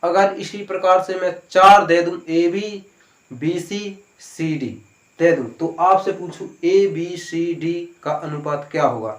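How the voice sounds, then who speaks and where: A man's voice: sits high, takes it slowly. Guy teaching maths for exams step by step, echoey room. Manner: explains step by step, asks questions then answers them. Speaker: maths tutor. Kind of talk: exam-prep maths lesson.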